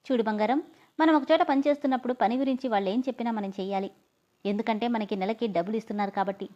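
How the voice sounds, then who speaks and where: A woman voicing a gentle, fond older uncle who advises his niece in a soothing, fatherly way. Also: high-pitched, racing, lightly acted. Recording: dull lo-fi audio.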